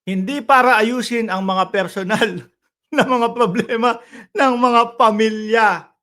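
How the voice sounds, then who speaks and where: A man from the Philippines runs a casual political commentary vlog in a notably high voice. He talks straight to his viewers with polite particles and rhetorical tag questions. His delivery rambles and restarts, then jumps into loud emphatic bursts. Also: fairly even intonation, slow pace.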